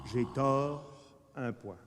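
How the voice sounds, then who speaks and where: A bantering young letter-writer. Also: male voice, on the high side, very animated, a little fast, a little hiss or hum. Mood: mocking. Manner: bantering, amused, theatrical. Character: charming young male public letter-writer, playful. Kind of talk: 1960s radio operetta dialogue. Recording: reverberant radio studio recording.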